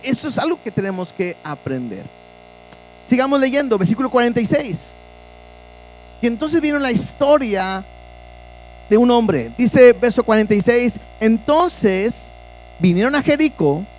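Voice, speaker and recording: A man's voice: very high voice, poor audio. A man preaching a sermon as pastor, earnest and asking his listeners direct questions.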